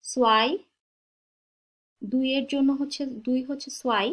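Slow, deliberate woman teaching German. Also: a little high, lively intonation. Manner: repeats each word twice, slow and deliberate. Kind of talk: slow-paced language lesson.

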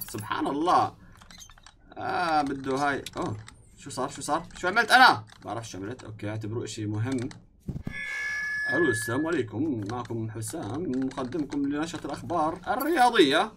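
A young man with a Levantine Arabic accent giving let's-play commentary, excitable and swinging between yelling and muttering to himself. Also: mid-range voice, a little hiss or hum. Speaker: gaming YouTuber.

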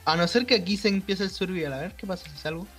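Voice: medium pitch, fast, a bit bright, faint music behind. A gamer, chatting casually with a friend, giggly and narrating what is on screen. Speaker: gaming friend. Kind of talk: casual gaming chat.

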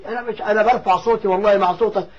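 A man's voice: high voice, fairly even intonation, very fast, highs cut off. A man with an Egyptian accent who talks emphatically, repeats himself and also recites the Quran. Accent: Egyptian Arabic. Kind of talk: casual chat and Quran recitation.

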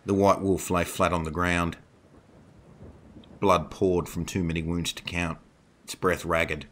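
A male narrator reads a horror story with a deep, low voice. His tone is bright and crisp despite the low pitch. His delivery is steady and measured. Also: a little hiss or hum. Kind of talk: scripted narration.

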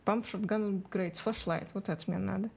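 A woman streams as a vtuber, chatting casually and muttering reactions as she plays. Her voice sits at a middle pitch and she swears freely. Faint game ambience runs behind her. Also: steady tone, moderate pace, gravelly. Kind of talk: casual livestream gameplay commentary. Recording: game sounds and noise behind voice. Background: video game ambience.

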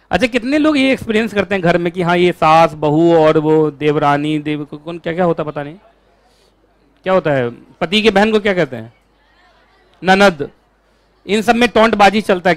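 A man teaching a law class, lecturing in an animated way and asking his students questions all the time. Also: high-pitched, no echo.

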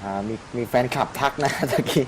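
A man's voice: medium pitch, moderate pace, heavy background noise. A man hosting a gaming channel, talking casually over his gameplay, joking and swearing freely. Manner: chatty, swears freely, jokes to himself. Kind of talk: casual game commentary.

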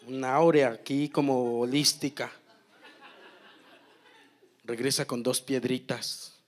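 A man in his thirties doing stand-up comedy, telling a story in a deadpan way, repeating phrases and then breaking into sudden loud bursts. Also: mid-range voice. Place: comedy stage.

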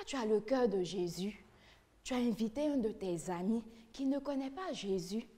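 A woman's voice: fairly high pitch, long reverb tail. A woman leading a children's church lesson with songs, coaxing and encouraging the little ones with questions. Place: church hall.

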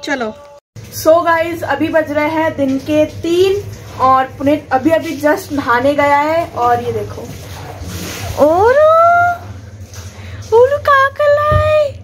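A woman talks into a home vlog in a relaxed, playful way. Her voice is high, and her speech is unhurried. Faint noise sits behind her. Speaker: family member in vlog. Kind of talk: casual home chat.

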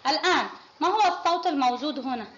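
Female kindergarten teacher, high voice, patient and encouraging, classroom recording with a dull muffled sound. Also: lively intonation, quick pace, a bit bright. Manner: patient, praising, quizzing pupils one by one. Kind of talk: classroom phonics lesson. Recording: muffled lo-fi with faint noise.

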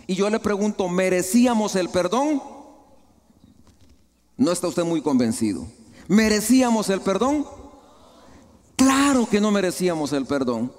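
A man with a Guatemalan Spanish accent preaching a sermon, rising high, then dropping to soft, low asides. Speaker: pastor. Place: large church hall. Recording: long hall reverb.

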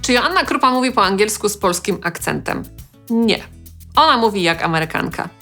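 Female language teacher, clear explanatory delivery, light humor, faint music underneath. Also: mid-range voice, animated, moderate pace, pushed and bright. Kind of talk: educational vlog.

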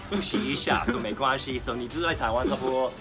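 Loud music plays behind this fast-talking man with a mid-range voice. An American from New York, he hosts a video channel and keeps a breezy interview going with lots of fillers and questions, switching between English and Mandarin in an outdoor garden by apartment buildings.

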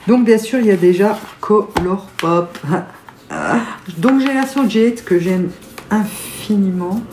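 A woman's voice: medium pitch, slow. A woman with a French accent chatting casually as a beauty vlogger, gushing and laughing often. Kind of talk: casual chat. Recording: echoey room, faint noise.

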